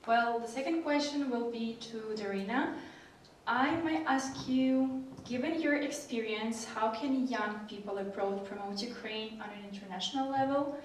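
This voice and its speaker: A woman's voice: fairly high pitch, moderate pace. Polite woman moderator in an echoey hall. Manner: polite, formal. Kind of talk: moderating a panel. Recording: echoey room from far off, faint noise.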